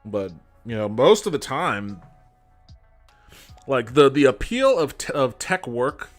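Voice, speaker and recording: With a slow, sing-song delivery at medium pitch, a man reads web copy aloud on his podcast and picks it apart with skeptical, sarcastic commentary. It's a casual critique, backed by background music.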